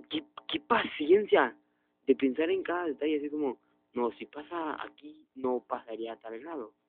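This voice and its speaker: A young man chatters through a video game, his voice shooting up into loud, high yelps of surprise. His pitch sits in the middle for a man. The audio is tinny and narrow, like a phone line. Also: slight background noise. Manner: excitable, jumps to loud high outbursts. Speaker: gaming youtuber. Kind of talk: let's play commentary.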